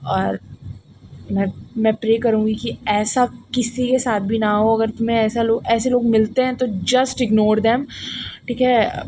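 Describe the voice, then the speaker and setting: A woman's voice: fairly high pitch, fairly even intonation, unhurried, background noise. Young Indian woman telling a hurtful story. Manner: earnest, mixing English phrases into Hindi, many fillers like "ठीक है?". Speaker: vlogger. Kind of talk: emotional storytime vlog.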